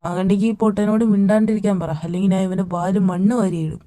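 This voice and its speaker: A woman narrating a fan audio drama with casual banter, teasing and lively. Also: mid-range voice, quick pace.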